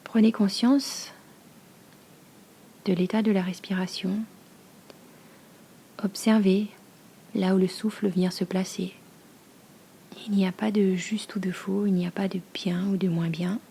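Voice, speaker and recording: Guiding a meditation as a yoga nidra teacher, she speaks in a steady, mid-range voice that is soft, breathy, hushed and soothing, moving slowly with long pauses. A slight hiss or hum sits underneath.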